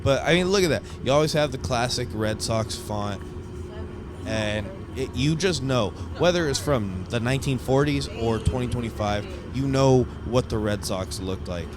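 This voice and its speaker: An excited young man talks through his tour footage in a loose, rambling vlog style, full of fillers and restarts. His voice sits at an ordinary middle pitch. Loud city ambience and passing traffic run underneath. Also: normal speed. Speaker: vlogger giving a stadium tour. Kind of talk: casual voice-over narration.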